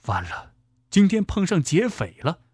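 A frightened young woman taxi driver, played by a male storyteller, pleading in a high, hurried voice that leaps up and down in pitch. The sound is close and dry. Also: huge pitch swings, darkish tone, husky, no echo, heavily acted.

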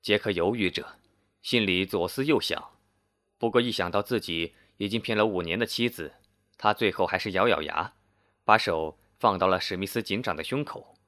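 A man narrating a scripted story in a steady, measured storytelling manner. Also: low-pitched, no room sound, clean studio sound.

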